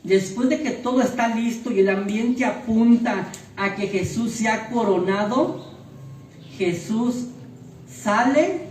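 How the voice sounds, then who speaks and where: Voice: mid-range voice, takes it slowly, slight background noise. Preacher in an echoey far-off hall. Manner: impassioned preaching with sudden loud emphatic peaks and repeated rhetorical questions. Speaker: pastor. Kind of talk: sermon. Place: church hall.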